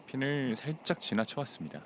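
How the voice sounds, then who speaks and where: A man working as a golf commentator, calling live tournament play in short, measured announcements. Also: medium pitch, big pitch swings, fairly bright tone, a little hiss or hum.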